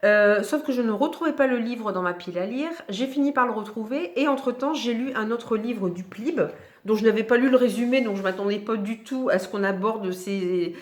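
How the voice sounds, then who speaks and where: A woman's voice: on the high side, brisk. A woman chatting casually about books she has read, hesitating often with fillers and restarts. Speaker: book vlogger. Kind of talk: casual book review chat. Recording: echoey room.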